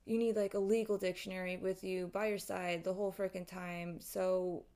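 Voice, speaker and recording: A woman's voice: fairly low pitch, little pitch movement, normal speed, dark tone. A woman hosting a podcast, giving a casual, opinionated monologue in an emphatic, exasperated, ranting way with heavy swearing. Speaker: podcast host.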